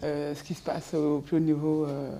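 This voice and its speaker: Gravelly deep woman, firm. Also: flat delivery, moderate pace, mellow. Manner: short firm statements. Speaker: guest. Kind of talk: interview answers.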